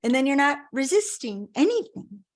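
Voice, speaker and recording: A woman's voice: high voice, very animated, normal speed. A woman guest in an interview, talking in a conversational coaching way and telling stories with animation.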